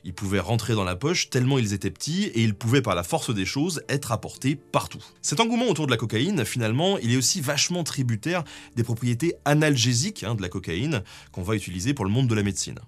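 A man's voice: medium pitch, big pitch swings, fast, few pauses. A man presenting a history video in a casual, educational narration style, dropping in informal asides.

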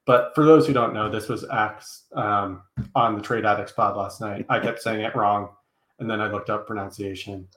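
A man's voice: lowish voice, steady tone, normal speed, a bit bright. A man chatting as a guest on a casual fantasy football podcast, frank and self-deprecating about his takes. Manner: frank, self-deprecating, talks up strong opinions. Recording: echoey room sound.

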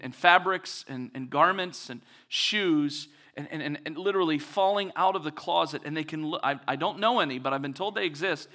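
A man's voice: on the high side, pushed and bright. A man preaching a conversational sermon as a pastor, acting out quoted voices with touches of humor.

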